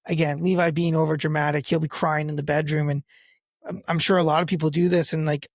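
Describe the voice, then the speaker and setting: Animated man telling parenting stories. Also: fairly high pitch, fast talker, no room sound, studio quality. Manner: animated storyteller who acts out quoted lines. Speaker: podcast co-host, father. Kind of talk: casual chat about parenting.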